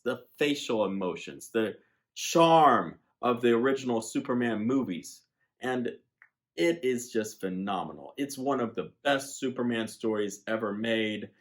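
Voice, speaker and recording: Gushing man reviewing comic books. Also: mid-range voice. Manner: enthusiastic, gushing, says "like" often. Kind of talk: casual review vlog.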